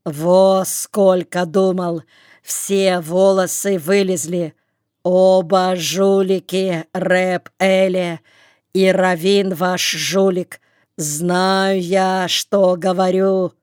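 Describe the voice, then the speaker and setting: A woman voicing a blunt, hoarse, scornful old male weaver in an audiobook. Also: fairly low pitch, level tone, drawn-out words, a little mellow, dry recording, clean studio sound. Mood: bitter.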